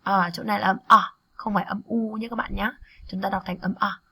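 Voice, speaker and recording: Woman English teacher, Vietnamese native; raspy, slightly creaky voice; slow repetition drills mixed with quick explanations. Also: mid-range voice, steady tone, pushed and bright. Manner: repeats words slowly for students to echo, then explains quickly. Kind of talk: vocabulary lesson with repetition drills.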